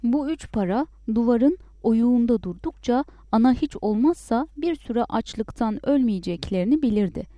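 A woman narrating a story as an audiobook in a calm, measured way. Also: on the high side, no room sound.

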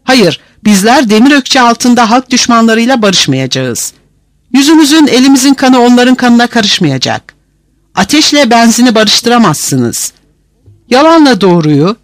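A man's voice: extremely high pitch, no room sound, voice pushed up. A man voicing a defiant leftist prisoner who declaims his protest in an audiobook reading.

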